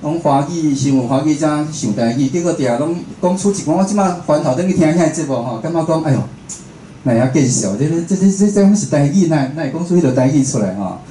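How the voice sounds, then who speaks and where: This man, a Taiwanese-accented radio host and station director, talks fast in a fairly high yet dark-toned, expressive voice. His informal lecture is conversational and full of rhetorical questions for listeners, captured in an echoey room with faint noise behind it.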